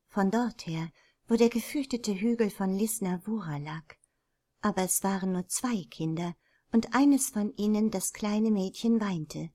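Woman reading an old fairy tale aloud, calm, even, measured. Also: mid-range voice. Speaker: narrator. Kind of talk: storybook reading.

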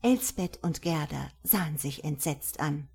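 Husky woman reading an audiobook. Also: sits low, lively intonation, unhurried, darkish tone. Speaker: narrator. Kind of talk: scripted audiobook narration.

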